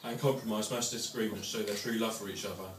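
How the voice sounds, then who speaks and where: A man's voice: lowish voice, fairly even intonation, quick pace. Young British man's echoey, distant wedding toast speech. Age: young adult. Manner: dry, joking delivery to guests. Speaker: best man at his father's wedding. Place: large room with wedding guests. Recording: echoey, noisy room, distant microphone.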